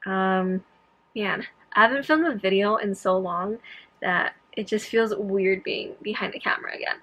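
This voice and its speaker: A woman's voice: medium pitch, moderate pace, a bit bright. A young woman vlogging casually in a scattered, self-interrupting way, with a sore throat after tonsil surgery that makes some words hard to pronounce. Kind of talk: casual personal vlog, chatty recounting.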